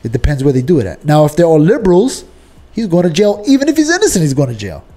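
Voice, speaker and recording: Brief: man, slightly high but mellow voice, argues casually with lots of fillers. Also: quick pace. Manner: animated, argumentative, fillers like freaking. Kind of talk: casual political chat.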